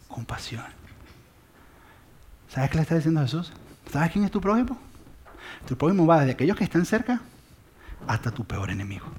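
A man's voice: a little high, darkish tone, a little hiss or hum. A man preaching a sermon, speaking directly to listeners with questions and dropping to a whisper on key words. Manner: mixes English phrases into Spanish.

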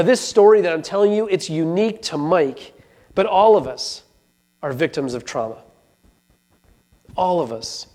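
Earnest man telling a story, higher voice. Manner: earnest, frequent restarts and repeated words. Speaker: speaker. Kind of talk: storytelling talk.

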